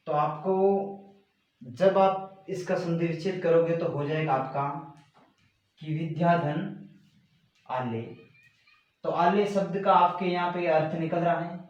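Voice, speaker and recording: A male teacher giving a grammar lesson, slowly repeating and stressing key words. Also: fairly high pitch, darkish tone. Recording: very echoey room.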